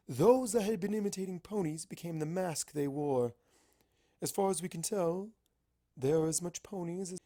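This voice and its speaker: A woman voicing a calm, regal mare princess in a storybook reading, with measured, formal, motherly speech. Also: on the low side, close to an everyday voice.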